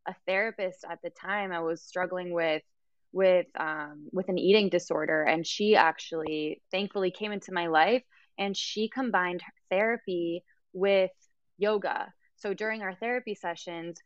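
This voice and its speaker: A Mexican woman in her thirties, a yoga teacher and life coach, tells her story earnestly as a guest in a relaxed interview, full of fillers and restarts. Her voice is lowish at a moderate pace, and the lo-fi audio has no echo.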